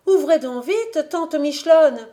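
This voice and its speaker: A tender young peasant girl speaks earnestly, her voice lifted high, played by a woman reading aloud. Her tone stays mellow and unhurried. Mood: urgent.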